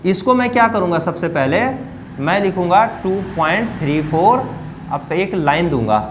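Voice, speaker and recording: A man's voice: high voice, lively intonation, normal speed, background noise. A man teaching a math lesson to children, explaining each step and often asking the class questions.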